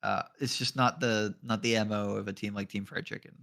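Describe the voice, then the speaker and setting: A man's voice: lowish voice, fairly even intonation, a little fast, vocal fry, a bit bright. A man giving casual live commentary on an esports draft as a color caster. He jokes, laughs often and swears offhandedly.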